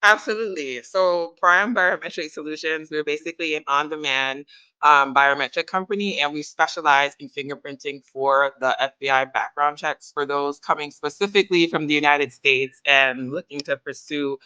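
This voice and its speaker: A woman's voice: sits low, steady tone, normal speed, sharp tone, clean tone, no echo, rough recording. A woman from Guyana, a company founder, explaining her services in an upbeat, confident way. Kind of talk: business interview.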